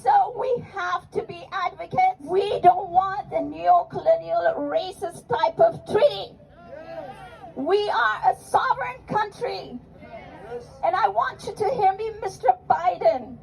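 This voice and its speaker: Female rally orator, very high voice, slow emphatic delivery with insistent repetition, recorded at some distance outdoors. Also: vocal fry, darkish tone, a little hiss or hum. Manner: emphatic, repetitive, rhetorical questions. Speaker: activist speaker at a political rally. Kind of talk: impassioned rallying speech with call and response. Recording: outdoor rally, distant mic, crowd behind.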